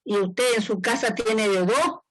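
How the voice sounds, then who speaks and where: A woman's voice: fairly high pitch, unhurried, no echo, low-quality recording. A woman teaching a class as an engineer. She explains informally, repeats her points and keeps checking in with her students. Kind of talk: classroom lecture.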